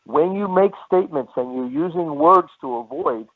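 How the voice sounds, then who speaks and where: A man giving an insurance sales training, lecturing in a repetitive way and slowing down to list key words. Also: fairly high pitch, expressive. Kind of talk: training presentation. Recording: tinny phone-like line.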